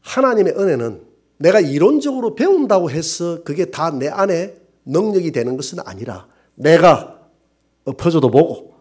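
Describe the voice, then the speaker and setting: A male pastor with a Gyeongsang accent preaching a sermon in a church, animated, with rhetorical questions and exclamations. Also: on the high side, moderate pace, husky. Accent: Gyeongsang Korean. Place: church sanctuary.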